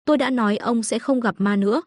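A woman voicing a calm, aloof young female master of the occult who speaks curtly. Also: a little high, no room sound, studio quality, natural voice. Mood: cool. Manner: cool, curt, unhurried.

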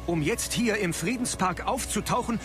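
A man's voice: high voice, moderate pace, natural voice. A man playing a dramatic live radio reporter commenting on a monster battle in a German audio drama. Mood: tense reporting. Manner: dramatic, breathless, swinging from hushed to shouting. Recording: loud music bed behind voice.

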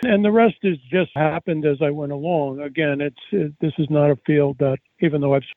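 A man's voice: on the high side, steady tone, a little fast, dry recording, narrow, tinny audio. An older man, a psychiatrist and author, answering interview questions conversationally with discursive, self-correcting explanations and anecdotes.

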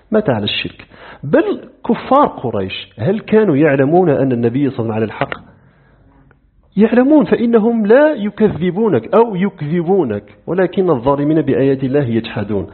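A middle-aged man lectures on creed, quick and full of rises and falls in pitch. He keeps asking his class questions and answering them himself, with a slightly higher voice than most men. The recording is thin and lo-fi, like a phone line. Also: husky. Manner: animated, poses rhetorical questions and answers them. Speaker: religious teacher.

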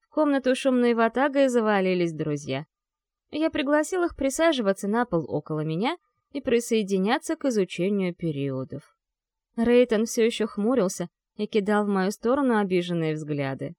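A woman narrates a fantasy novel in the first person, with a medium-pitched voice that rises and falls in a lively way. Her reading is animated and she acts out the characters' lines. The recording is dry and close, with no room sound. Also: normal speed, no room sound. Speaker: audiobook narrator. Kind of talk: expressive fantasy audiobook reading.

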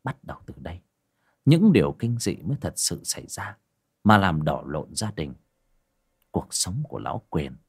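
A man's voice: deep voice, sing-song, normal speed, long pauses, slightly rough. A man narrating a horror story for an audiobook, telling it expressively.

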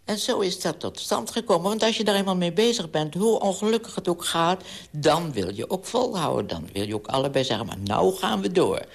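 A woman's voice: on the low side, a little fast. Older Dutch woman telling a story. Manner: storytelling, lively voices for characters in quotes. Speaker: children's author reading her own book. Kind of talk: archival radio interview and reading aloud.

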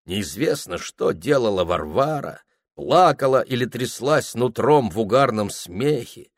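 A man reads a literary story aloud at an unhurried pace. His voice moves lively up and down with the text. The sound is dry and close to the mic. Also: medium pitch, no room sound. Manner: unhurried, expressive. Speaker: narrator. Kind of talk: literary audiobook reading.

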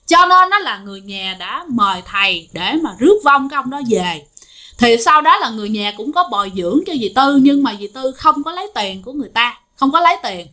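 A woman with a Southern Vietnamese accent tells a ghost story in a loose, chatty way, often turning to her listeners. Her voice is bright and crisp and sits fairly high, and she circles back to repeat her points. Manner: chatty, addresses listeners directly, repetitive. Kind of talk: casual spoken ghost-story telling.

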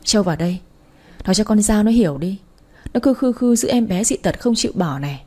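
A woman's voice: mid-range voice, expressive, a little fast, warm tone, natural voice. A woman doing a scolding old mother-in-law. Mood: annoyed.

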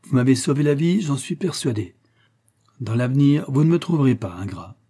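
Un lecteur prête sa voix à un major reconnaissant, cérémonieux, au timbre sombre et rauque, dans un conte du Far West lu à voix haute. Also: male voice, medium pitch, animated, a little fast, mellow, voice pushed up. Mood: grateful. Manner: formal, courteous. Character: grateful army major, older man, commanding.

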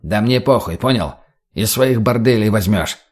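A man's voice: on the low side, expressive, normal speed, breathy edge. A man voicing a crude, short-tempered drug addict thug who barks profanity bluntly. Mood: aggressive.

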